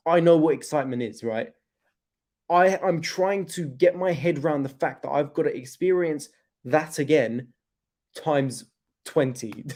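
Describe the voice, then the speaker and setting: Brief: young man, casual crypto stream host, mellow tone, fillers and slang, hip hurting. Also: medium pitch. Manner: chatty, laid-back, loose with slang and fillers. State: in pain from his hip. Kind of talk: casual livestream chat.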